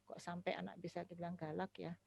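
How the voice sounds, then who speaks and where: A woman, an Islamic speaker giving a relaxed, chatty talk on raising children, laughing often. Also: fairly low pitch, fast, vocal fry.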